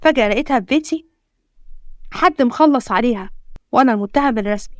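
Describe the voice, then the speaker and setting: A woman's voice: on the high side, fast, no room sound, studio quality, lightly acted. A woman voicing a patient, tender young husband with an Egyptian accent, in a read-aloud story. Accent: Egyptian Arabic.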